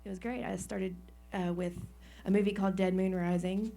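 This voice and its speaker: A woman actress answering radio interview questions, giggly and a little hesitant, filling pauses with ums and uhs. Her pitch is ordinary and middle. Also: steady tone, creaky, dark tone. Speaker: actress guest.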